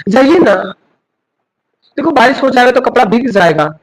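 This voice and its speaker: A man's voice: very high-pitched, very animated, moderate pace, slight background noise, poor audio. A man doing a pleading forgetful mother. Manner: pleading, repeatedly coaxing. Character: worried forgetful mother, middle-aged woman, pleading.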